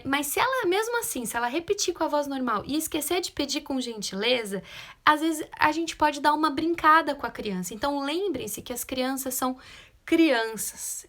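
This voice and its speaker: A young woman, an occupational therapist giving parenting advice in an informal talk over a phone live stream, explaining things and often ending a sentence with a quick "né?". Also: sits high, bright, forceful tone.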